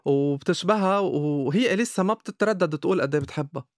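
A man's voice: on the high side, dry recording, studio quality. A man with a Lebanese Arabic accent speaking casually as an interview guest, often stumbling into his words and repeating them. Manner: halting stammered starts, repeating words.

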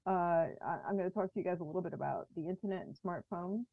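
A woman guest chatting on a video call, her audio muffled and bass-heavy with the highs cut, talking from prepared notes. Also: fast talker, gravelly, no room sound. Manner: talks from prepared notes, with small restarts. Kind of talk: casual chat on a video call. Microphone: video call through a mixer.

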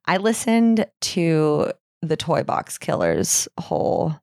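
A woman with a low voice narrates a true-crime case on a podcast. Her delivery is casual and peppered with swearing. The sound is very dry and close, with no room around it. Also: wildly swooping pitch, slow pace, gravelly, a little mellow, dry recording. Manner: casual, swears freely while recounting a case. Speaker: podcast co-host.

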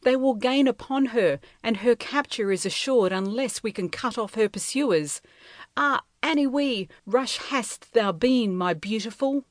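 A woman's voice: mid-range voice, a little slow, no echo, clean studio sound, lightly acted. A woman reading the lines of a young male chief in a storybook, protective and pleading. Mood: agonized. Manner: pleading, raised voice when alarmed.

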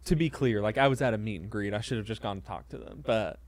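A man's voice: on the low side, fast, no echo. A man who is a pastor, telling a story in casual conversation, hesitant and self-deprecating, with lots of fillers and restarts.

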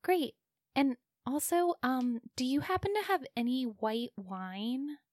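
Woman playing sheltered young adventuress, tabletop role-play, timid, flustered, halting, higher voice, close dry sound. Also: darkish tone, dry recording. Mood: shy, curious.

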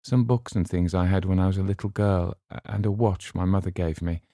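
A man reading an audiobook voices a young woman who laughs and pleads in a raised, high voice. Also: steady tone, brisk, dark tone, dry recording. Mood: giddy pleading. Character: young woman, giddy and unmoored.

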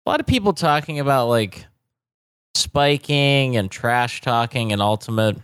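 A man's voice: medium pitch, moderate pace, fairly bright tone, smooth, no echo. A man talking casually as a podcast co-host, blunt and happily profane as he rips into people. His voice sits in an ordinary middle register. The recording is close and dry, with no room sound. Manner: blunt, profane trash talk. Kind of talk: casual chat.

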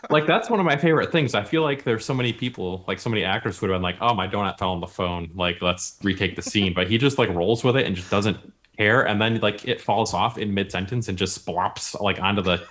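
A man's voice: lowish voice, quick pace, few pauses, a bit bright. A man chatting casually about a movie, rambling and using many fillers.

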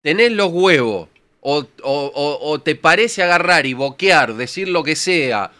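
Vehement Argentine man, bright voice. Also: on the high side, lively intonation, a little slow. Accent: Argentine Spanish. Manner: vehement, crude, repetitive ranting. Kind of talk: heated panel debate.

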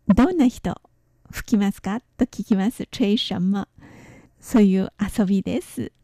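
A woman teaching Chinese words in a calm radio lesson, slowly spelling out pronunciation and tones. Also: mid-range voice, no echo, studio quality. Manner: slow, careful, spells out pronunciation.

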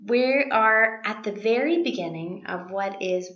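Echoey warehouse interview, bright-voiced woman host. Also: mid-range voice, unhurried. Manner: excited, enthusiastic. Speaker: podcast host. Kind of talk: conversational interview. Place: warehouse of a food hub. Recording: echoey empty-sounding warehouse, slightly muffled.

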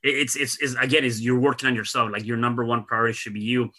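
A man hosting a podcast, talking in a halting way with many repeated words and fillers. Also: medium pitch, level tone, bright, forceful tone. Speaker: podcast host. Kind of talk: casual podcast conversation.

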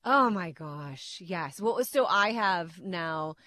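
A woman's voice: lowish voice, animated, slow pace, pushed and bright. Chatty woman co-hosting a talk radio show. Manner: chatty, laughs easily, quotes her son. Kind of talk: casual radio chat.

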